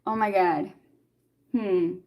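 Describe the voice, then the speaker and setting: A young woman talks her way through a tarot reading in a loose, chatty flow. She laughs easily, jokes, and answers her viewers' comments as she goes. Her voice sits at a middle pitch. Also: fairly even intonation, slow, highs cut off. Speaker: tarot reader. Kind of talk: casual live tarot reading.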